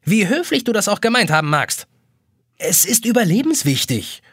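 Brief: man doing a hot-headed young boy in a storybook, high, husky, lively and impatient. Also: moderate pace, no room sound, clean studio sound, exaggerated voice. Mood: pleading. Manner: impatient, snaps and shouts. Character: impatient stubborn young boy, quick to anger.

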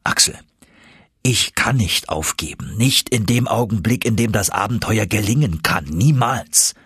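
A man's voice: fairly low pitch, lively intonation, unhurried, fairly bright tone, breathy edge, no room sound, studio quality, exaggerated voice. A man voicing a stern, obsessive old professor on an expedition, commanding and stubborn, in an audiobook reading. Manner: stubborn, commanding, tender at times.

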